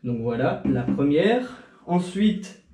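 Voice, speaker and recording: A man's voice: on the high side, big pitch swings, takes it slowly, very noisy. A young man chatting casually to camera in a tasting vlog, rambling with fillers and restarts. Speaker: video creator. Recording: echoey room.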